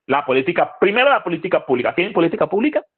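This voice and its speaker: A man's voice: sits high, very animated, racing, slightly rough. A man giving a conversational lecture to a youth group, asking the audience questions and repeating phrases for emphasis. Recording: tinny phone-like audio.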